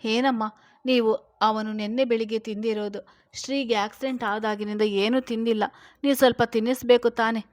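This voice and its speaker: A woman voicing a firm young male doctor who gives brisk orders and scolds the family in a storybook reading. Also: on the high side, fairly even intonation, a little mellow, dry recording, natural voice. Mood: scolding.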